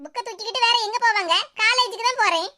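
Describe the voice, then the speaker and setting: A woman voicing an impatient young college girl in an animated cartoon, speaking with a Kanyakumari Tamil accent in a snappy, irritated manner. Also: very high-pitched, fast.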